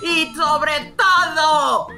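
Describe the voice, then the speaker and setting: A man's voice: extremely high pitch, steady tone, drawn-out words, gravelly, sharp tone, soft background music, heavily acted. A man playing a proud, wicked demon father who dotes on his son, telling gloating tales in a theatrical Minecraft roleplay. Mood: wicked, rousing.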